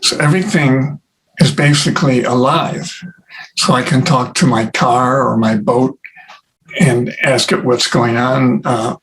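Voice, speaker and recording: A man who is an interview guest, telling stories in an unhurried way with many pauses and fillers. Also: mid-range voice, steady tone, fairly bright tone, poor audio. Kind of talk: casual conversation.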